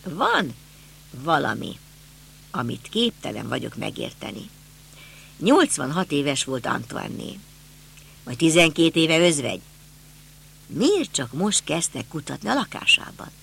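A man's voice: a little high, very animated, vocal fry, long pauses, fairly bright tone, slightly rough, full character voice. A man voicing a puzzled, questioning young police detective.

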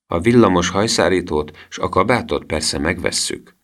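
A man's voice: sits low, a bit bright. A man voicing a grumbling, dry-humored old grandmother in an audiobook reading. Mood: decisive.

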